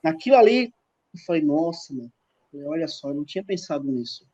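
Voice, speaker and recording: A man's voice: fairly high pitch, very animated, quick pace, a little mellow. Man telling an emphatic faith testimony. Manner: emphatic storyteller, acts out dialogue. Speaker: podcast guest. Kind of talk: personal faith testimony in casual chat. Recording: dull lo-fi podcast audio.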